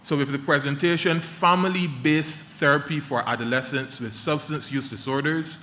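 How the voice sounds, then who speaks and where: A man's voice: a little high, fairly even intonation, moderate pace, pushed and bright, slight background noise. A man moderating a conference panel in a formal, announcing manner, introducing the speakers. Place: conference hall.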